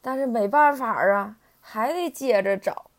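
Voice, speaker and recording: A woman narrating a children's story in an animated, singsong way. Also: fairly high pitch, measured pace.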